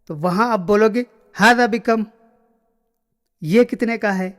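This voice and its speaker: A man giving a spoken language lesson, repeating short phrases slowly so learners can follow along. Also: sits high, long reverb tail. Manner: slow, repeated phrases for drilling. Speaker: language teacher.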